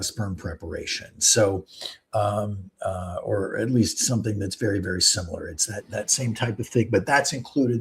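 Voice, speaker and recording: A middle-aged man, a fertility doctor hosting a live question-and-answer stream, explaining things in a chatty way with many ums and uhs. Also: lowish voice.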